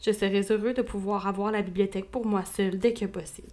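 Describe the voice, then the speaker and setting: A dry, placid older father from a storybook who speaks with calm indifference, as a woman reader puts him on. His words come out measured and unhurried. It is read aloud as part of a classic novel. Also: medium pitch, natural voice.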